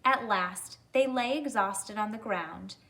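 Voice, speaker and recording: A woman with a mid-range voice that sounds pushed and bright reads a children's story aloud. She speaks deliberately to the young listeners and pauses to quiz them along the way.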